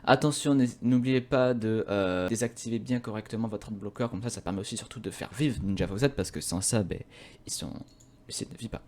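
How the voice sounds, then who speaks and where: Chatty young man, a bit low-voiced. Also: a little fast. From France. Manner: chatty and colloquial, relaxed slang. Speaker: YouTuber reviewing a website. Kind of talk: casual screen-recording walkthrough.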